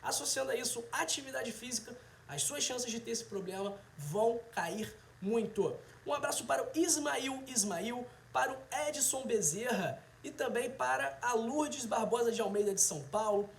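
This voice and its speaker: His voice is very high-pitched and gravelly, moving at a normal speed: a Brazilian-accented man around thirty, chatting casually with viewers as the host of a health video livestream. Slight hiss or hum sits in a roomy, echoing recording.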